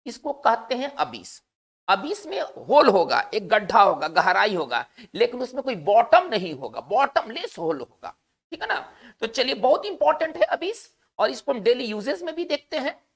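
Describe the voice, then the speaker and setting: A woman explains words for an exam in a fairly high voice that swoops up and down. Her delivery carries a gravelly edge. She circles back over each point and keeps checking that her listeners follow. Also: sing-song, moderate pace. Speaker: teacher. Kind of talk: exam vocabulary lesson.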